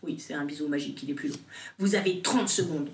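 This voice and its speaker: A woman's voice: fast talker, roomy sound, far from the mic, slight background noise. A woman hosting a party game podcast as game master, playful and laughing often. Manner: playful, laughs often, lively swings in pitch. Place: apartment.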